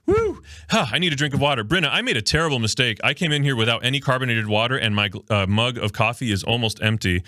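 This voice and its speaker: Fast-talking and expressive, with a sharp, mid-range voice, a Miami man raised on Spanish hosts a relaxed, jokey livestream, reading viewers' comments despite little sleep. It's studio quality with no echo, on a studio microphone.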